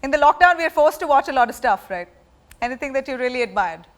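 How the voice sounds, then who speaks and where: A woman's voice: sits high, lively intonation, quick pace. A woman with an Indian accent asking questions as the interviewer in a casual celebrity chat.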